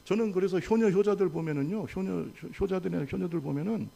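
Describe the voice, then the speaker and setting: A male pastor preaching a sermon to his congregation, with call-and-response and rhetorical questions, swinging from loud exhortation to soft asides. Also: high-pitched, quick pace, creaky. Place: church sanctuary.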